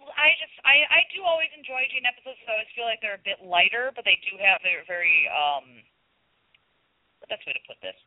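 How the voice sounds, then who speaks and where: A man co-hosting a casual podcast, thinking out loud and rambling with many restarts. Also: sits high, expressive, fast talker, no echo. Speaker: podcast co-host. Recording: dry phone-like audio.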